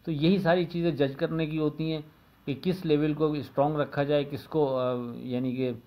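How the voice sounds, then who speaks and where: A man's voice: a little high, normal speed. Methodical male market analyst with Pakistani accent. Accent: Pakistani Urdu. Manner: steady, methodical, repeats figures and levels, frequent "uh" fillers. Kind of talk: daily market forecast commentary.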